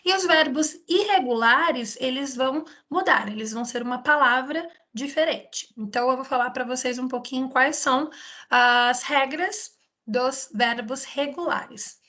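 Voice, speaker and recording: Brazilian woman teacher, high bright voice, explains step by step and keeps checking in with students. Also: measured pace. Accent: Brazilian Portuguese. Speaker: English teacher. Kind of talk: recorded video lesson.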